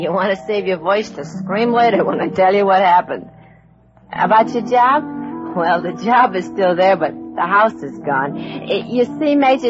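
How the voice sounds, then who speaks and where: An actress playing a quick-witted, slangy, good-hearted working woman in old-time radio comedy. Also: medium pitch, lightly acted. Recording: dull old radio recording.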